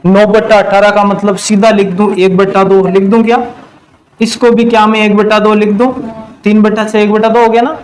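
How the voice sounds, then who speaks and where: A male math teacher giving a classroom lesson, quizzing his students and answering his own questions, and drawing out the key terms slowly. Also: high-pitched, little pitch movement, a little hiss or hum, poor audio. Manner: slows to a drawn-out pace on key terms.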